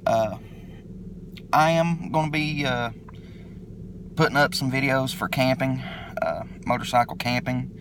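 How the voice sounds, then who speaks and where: A middle-aged man with an eastern Kentucky accent speaks in a relaxed, folksy, halting way, pitched at an ordinary male level. He is filming himself on a phone, and the phone video carries a clear layer of background noise. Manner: laid-back, halting, folksy. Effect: self-recorded phone video. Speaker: motovlogger introducing his channel. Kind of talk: casual unscripted vlog intro. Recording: noisy phone video recording.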